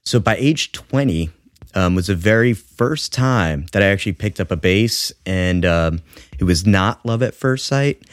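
Man, 50s, low voice, dry close sound, casual rambling storyteller, lots of ums. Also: lively intonation, measured pace, dry recording. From New York. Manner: rambling, many fillers and restarts. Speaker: bassist co-host. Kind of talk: casual podcast chat.

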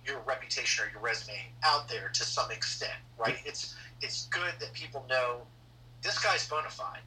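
A man's voice: mid-range voice, expressive, moderate pace, pushed and bright. A man hosting the conversation, asking long, rambling questions with many restarts. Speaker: podcast host. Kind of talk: casual interview questions. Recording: distant mic with faint noise.

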